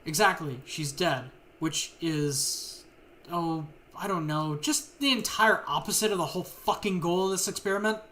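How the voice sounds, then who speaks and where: Brief: man doing a scared, furious woman test subject, sharp and pleading, slightly high, faint hiss behind. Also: moderate pace. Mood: exasperated. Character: frightened, angry captive woman, later a bitter assistant.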